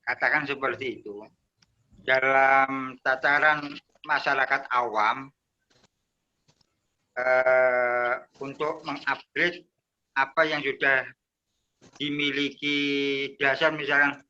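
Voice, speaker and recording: A man's voice: mid-range voice, level tone, slow, long pauses, bright, forceful tone, dull audio. An Indonesian man asking questions in a religious talk, hesitant and searching for words. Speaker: interviewer.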